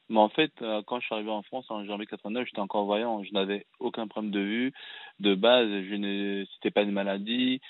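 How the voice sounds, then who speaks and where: A man in his thirties from Cameroon calls in to a radio program. He speaks in a low, rather even voice, earnest and halting, often restarting his sentences. The sound is tinny and narrow like a telephone line, with no room echo. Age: 30s. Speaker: caller. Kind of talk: phone-in personal testimony.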